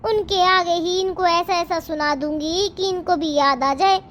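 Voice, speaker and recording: A woman's voice: very high-pitched, fairly even intonation, a little slow, a bit bright, a little hiss or hum. A woman playing a young daughter-in-law who answers back and complains about her mother-in-law. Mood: defiant.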